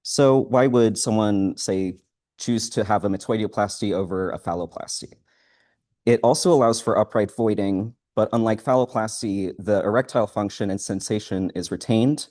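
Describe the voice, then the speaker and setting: A student man presents live in front of an audience. His voice sits very low and has a mellow, dark color. He moves through his material hesitantly, in a halting way.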